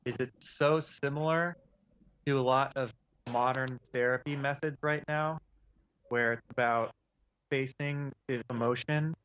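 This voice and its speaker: A man calling in on speakerphone, speaking thoughtfully and haltingly as he searches for his words. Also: medium pitch, fairly even intonation, fairly bright tone. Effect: speakerphone call. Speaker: caller. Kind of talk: casual call-in conversation. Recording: muffled speakerphone line with faint hiss, cutting out.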